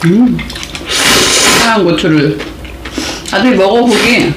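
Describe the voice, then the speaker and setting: A middle-aged woman reviewing food at home with her mouth partly full, murmuring slowly between bites. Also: medium pitch, very noisy. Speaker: mukbang food reviewer and parent. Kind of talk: casual eating review. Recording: echoey room with clear clatter of dishes and cutlery.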